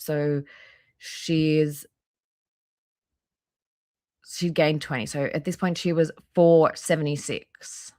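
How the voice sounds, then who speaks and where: A deep-voiced woman hosts a casual reaction livestream, reading aloud informally and tossing in offhand asides. There's no room sound.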